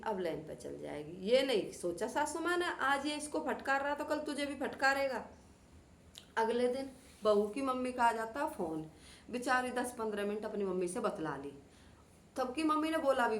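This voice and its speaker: A woman talking earnestly to her viewers in a casual vlog, acting out family quarrels as she lectures. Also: a little high. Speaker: vlogger. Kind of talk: casual talk to camera. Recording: echoey room, faint background noise.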